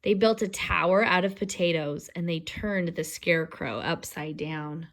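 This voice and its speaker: With a lowish voice, a woman reads a children's storybook aloud expressively, pausing to explain words and pictures to young listeners.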